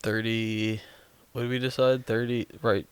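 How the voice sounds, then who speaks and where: A tired young man co-hosting a vlog, asking calm, dry questions after a long run. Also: lowish voice, unhurried, smooth, dry recording. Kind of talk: casual vlog chat.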